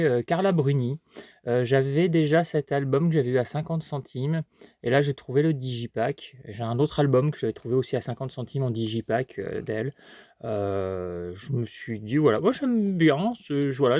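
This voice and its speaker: A man's voice: medium pitch, warm tone, no room sound, clean studio sound. A man chatting casually about his haul, rambling with many fillers and restarts while eating. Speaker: collector vlogger.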